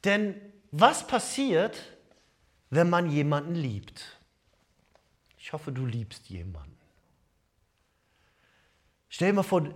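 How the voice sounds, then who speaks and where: A male pastor preaching a sermon, swinging from loud emphatic lines to hushed asides. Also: fairly high pitch, breathy edge.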